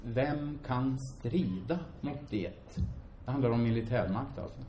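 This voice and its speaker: A man preaching a sermon to a congregation, emphatic and animated, asking rhetorical questions and repeating phrases for effect. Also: mid-range voice, a little hiss or hum. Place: church hall before a congregation.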